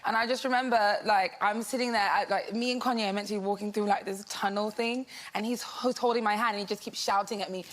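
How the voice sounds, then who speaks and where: A woman's voice: medium pitch, fairly even intonation, quick pace, hardly any pauses. A woman in her thirties, a talk show guest telling a story in a casual, chatty way. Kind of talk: casual anecdote.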